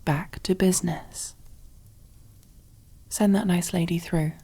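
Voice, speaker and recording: In an ASMR roleplay, a woman voices a female mafia boss who is commanding, possessive and silkily affectionate, her breathy, husky voice often sinking to a whisper. She sounds cool and businesslike, heavily acted, with a lowish, steady tone. Her delivery is slow, controlled, intimate and softly commanding.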